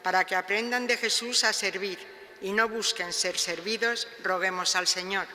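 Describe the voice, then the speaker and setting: A man's voice: sits high, fairly even intonation, normal speed, pushed and bright. A man reading petitions at Mass in a solemn, formal way, his voice ringing with cathedral echo. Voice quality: voice echoing as in a cathedral. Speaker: lay reader of intercessions at Mass. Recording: long cathedral echo, background noise.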